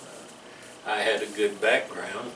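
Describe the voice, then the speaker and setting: Here the veteran's voice is lowish, steady, slow and sharp-toned, with a Southern American accent as he reminisces about his service in a rambling, folksy interview, laughing softly between tales. Echo, a far-off mic and clear background noise mark the recording.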